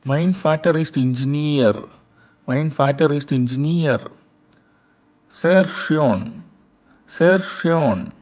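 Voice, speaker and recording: A man teaching a beginner German lesson, reading a short dialogue and saying every line twice, slowly and carefully, for learners. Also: fairly high pitch, a little mellow. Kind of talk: slow repeated lesson dialogue.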